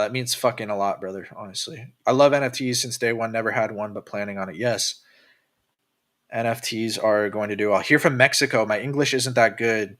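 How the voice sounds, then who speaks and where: This casual young male crypto streamer reads chat late at night, his fairly low voice carrying a tense, bright tone on a dead-dry close mic with no echo. His talk is loose and profane, packed with fillers and restarts, and he's clearly worn out from staying up.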